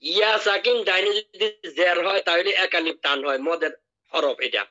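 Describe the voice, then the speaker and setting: A man teaching Quran recitation in an online class, drilling each word slowly and patiently. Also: sits high, sharp tone, highs cut off. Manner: drills words by repeating them slowly. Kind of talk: online tajweed lesson.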